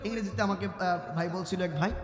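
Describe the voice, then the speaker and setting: A man preaching a waz sermon to a large gathering, talking to the crowd and slipping into slow chanted song. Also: high-pitched, steady tone, echoey room, big-room sound, faint music behind. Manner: chanted sermon delivery, breaks into sung English ghazal.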